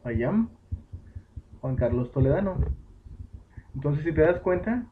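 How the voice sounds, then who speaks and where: A man's voice: a little high, very animated, a little slow. A man patiently explaining grammar as a teacher, with fillers and self-corrections. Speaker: English teacher. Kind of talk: home-made lesson explaining grammar. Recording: tinny phone-like recording with faint noise.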